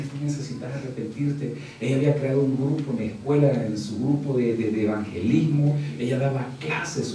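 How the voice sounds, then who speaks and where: A man preaching a sermon as pastor, shifting from quiet storytelling to loud, high-pitched exhortation and calling the listeners brother. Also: a little hiss or hum. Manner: keeps addressing the congregation as brother. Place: church hall. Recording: very echoey hall, mic from a distance.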